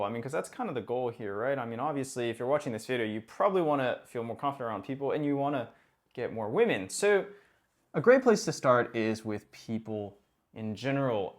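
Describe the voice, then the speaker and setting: A man giving casual dating advice as a coach, talking straight to the viewer and checking in with "okay?" and "right?" after his points. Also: mid-range voice. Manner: conversational, full of "okay?" and "right?" tags; acts out little quoted exchanges.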